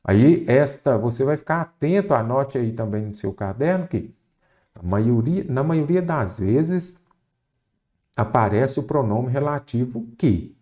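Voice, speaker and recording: A man with a Brazilian Portuguese accent teaching an exam-prep grammar lesson, with lively delivery and rhetorical questions to students. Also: mid-range voice, a little slow.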